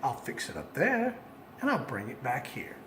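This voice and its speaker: A man's voice: mid-range voice, wildly swooping pitch, normal speed, fairly bright tone, roomy sound, a little hiss or hum. A man voicing a sly, gleefully mean storybook creature, slick and gloating, recited from memory. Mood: falsely sweet. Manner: slick, mock-sweet, gloating. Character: sly, gleefully mean grumpy male holiday-stealing creature.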